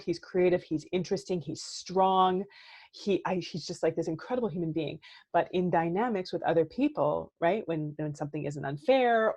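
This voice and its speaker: A woman's voice: fairly low pitch, darkish tone, husky. A woman therapist and coach in her thirties, talking earnestly and reflectively as a podcast guest, often checking in with "right?". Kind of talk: casual podcast conversation.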